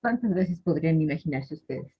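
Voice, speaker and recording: A woman's voice: low voice, expressive, a little fast, slightly rough. Patient woman teaching tones. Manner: patient, checks in with students often. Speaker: language teacher. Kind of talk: live class explanation. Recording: dull lo-fi online class audio.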